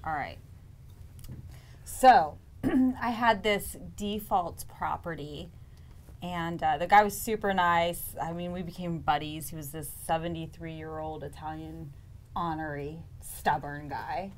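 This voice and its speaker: A woman's voice: low voice, takes it slowly, a little hiss or hum. A woman, a real estate agent, telling an earnest story on a studio panel show.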